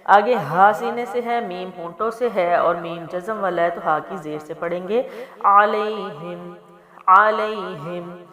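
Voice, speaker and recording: A woman teaching Quran recitation, explaining each letter patiently and then chanting the verses slowly and melodically. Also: on the low side. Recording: echoey room with long reverb.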